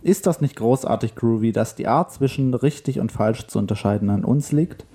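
Ein Mann spricht einen lässigen, unbekümmerten Raumschiffkapitän beim Vorlesen einer Geschichte. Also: male voice, medium pitch, normal speed, warm tone, slightly rough, natural voice. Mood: breezy. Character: laid-back male space captain.

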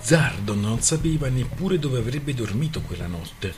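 Male radio story reader, mid-pitched, calm and measured, faint music behind. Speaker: narrator.

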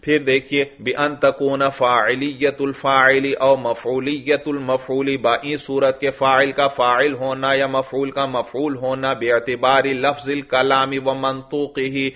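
A man's voice: mid-range voice, fairly bright tone, lo-fi sound. A male religious teacher giving a lecture on an Arabic grammar text. He chants the Arabic lines, explains each one, calls the listeners brother and checks that they follow.

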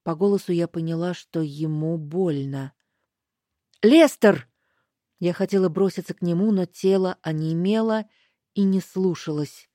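A woman giving first-person audiobook narration in a slow, deliberate way. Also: on the low side, mellow, no echo, studio quality.

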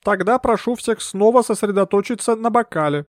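Guy putting on a high fluttery lady medium, all airs and mystery, audiobook voice, dead dry sound. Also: brisk, no room sound, lightly acted. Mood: mystical. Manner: affected, grandiose, mysterious. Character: theatrical middle-aged female spirit medium.

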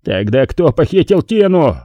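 A man voicing an enraged gang boss in an audiobook, speaking in a raised, growling shout. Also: mid-range voice, big pitch swings, normal speed, dry recording. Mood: furious. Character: furious gang boss, middle-aged man, volatile.

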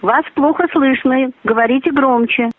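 This robotic phone call features a woman's high voice at normal speed, with no room sound on a tinny line. Her canned phrases loop glitchily, the same lines repeating whatever the other person says.

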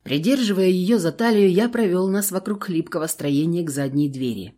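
A woman reading a novel aloud in the first person, in a lowish voice. Her delivery is very lively, full of coarse slang and sweeping rises and falls. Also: moderate pace. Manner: expressive, coarse slang narration. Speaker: audiobook reader.

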